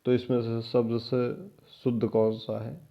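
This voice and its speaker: In a dull, lo-fi lecture recording, a man with a mid-range voice, little pitch movement and vocal fry speaks a little slowly. He's a teacher running an exam-prep lecture, repeating every answer word several times and asking a rising "ठीक है" after each point.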